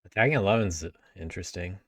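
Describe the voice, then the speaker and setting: Quick low-voiced man commentating a match. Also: no room sound, clean studio sound. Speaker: game commentator.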